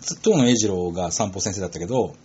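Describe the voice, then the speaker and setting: Lower-voiced guy rattling on excitedly, voice bouncing up and down. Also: quick pace, dull audio, a little hiss or hum. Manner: animated storyteller, acts out quotes. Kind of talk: casual chat about a TV drama.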